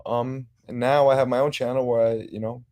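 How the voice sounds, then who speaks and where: A man in his forties from New York City joins a casual boxing panel as a guest. He speaks easily in short, relaxed turns. His voice sits at a middle pitch. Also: brisk. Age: 40s.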